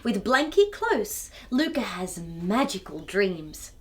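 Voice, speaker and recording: A woman reads a story aloud to young children at a slow pace and a medium pitch, sounding expressive and full of exclamations. She often puts questions to her listeners.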